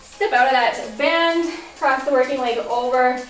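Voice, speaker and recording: A woman's voice: sits high, unhurried, recorded from a distance. A woman instructor cueing a barre workout, counting reps and encouraging, her voice a bit worn. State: losing her voice. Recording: roomy, from off mic, faint music.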